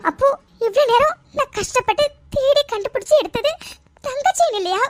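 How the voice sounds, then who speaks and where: A woman's voice: extremely high pitch, lively intonation, a little fast. A woman voicing a scheming young woman in a cartoon, frantic and self-pitying. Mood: dismayed. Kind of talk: cartoon voice acting.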